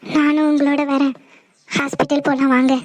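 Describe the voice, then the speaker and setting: A woman's voice: sits high, flat delivery, moderate pace, dry recording, natural voice. A woman voicing an earnest, caring young wife in a cartoon. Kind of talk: cartoon voice acting.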